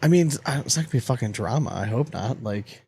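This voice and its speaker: A man's voice: medium pitch, expressive, quick pace, vocal fry, darkish tone, breathy edge. A young man co-hosting a podcast, chatting loosely, joking and swearing casually. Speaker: podcast co-host. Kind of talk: casual chat.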